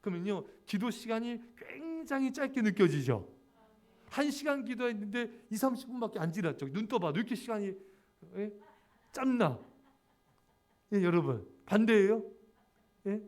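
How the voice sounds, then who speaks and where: A man's voice: high-pitched, very animated, normal speed, long pauses, darkish tone. A male pastor preaching a sermon, asking the congregation questions and teasing them for an amen. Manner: jokes with the congregation, calling out for amens.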